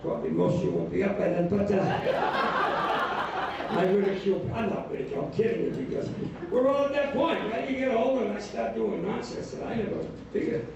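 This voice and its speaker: A man's voice: high-pitched, huge pitch swings, brisk. Wry man in his sixties doing stand-up. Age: 60s. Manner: wry, mocking, jokey storytelling. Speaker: stand-up comedian. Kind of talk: stand-up routine. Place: live comedy venue with an audience. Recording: echoey, muffled live room recording from far off, crowd laughing.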